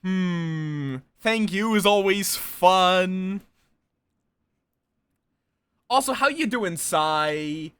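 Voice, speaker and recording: Bright, lively game streamer with a playful streak, voice of unclear gender. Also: medium pitch, drawn-out words, long pauses, clear, resonant tone, dry recording. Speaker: streamer and game storyteller running an online social deduction game. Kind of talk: casual livestream chat with friends and viewers.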